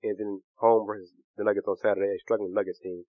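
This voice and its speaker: A man hosting a casual sports podcast, hoarse with a cough, talking in a joking, laid-back way. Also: on the low side, flat delivery, fast talker, no echo, narrow, tinny audio. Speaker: podcast host.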